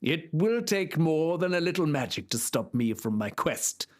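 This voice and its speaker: A man's voice: fairly high pitch, very animated, normal speed. A man voicing Don Quixote, a deluded, grandiose old knight, speaking in a formal, theatrical way. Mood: indignant. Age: older.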